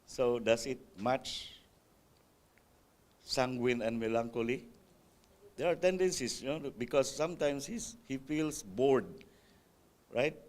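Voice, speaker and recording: A man's voice: medium pitch, slow pace, pauses often. A man speaking at a church class, reading from a text and breaking off with casual comments and "right?" checks to the group. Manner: reads a text aloud, adding spontaneous comments and checks like "right?"; occasional hesitations and restarts. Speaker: Sabbath school speaker.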